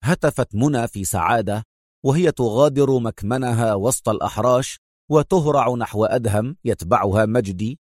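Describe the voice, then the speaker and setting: A man reading dramatic audiobook narration in a measured storytelling way. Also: mid-range voice, a little mellow, dry recording, studio quality.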